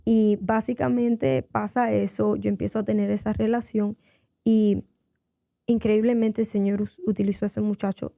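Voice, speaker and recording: Dark, gravelly-voiced woman telling her testimony. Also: mid-range voice, little pitch movement, normal speed, no echo, clean studio sound. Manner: earnest storytelling, acting out quoted voices; mixes in English fillers. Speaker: guest giving her testimony. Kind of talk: personal faith testimony on a radio interview. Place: radio studio.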